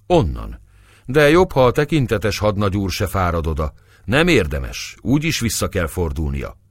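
A man voicing a blunt, big-jawed common soldier who talks in a slow rustic drawl and keeps asking mocking questions. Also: deep voice, wildly swooping pitch, no room sound, studio quality, full character voice. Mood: drawling, taunting.

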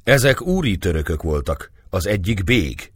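A calm captain with a fatherly, measured way of speaking, put on by a male storyteller. The voice sits higher than the reader's own low tone and rises and falls in lively swings. The sound is dry and close. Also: breathy edge, no room sound, exaggerated voice.

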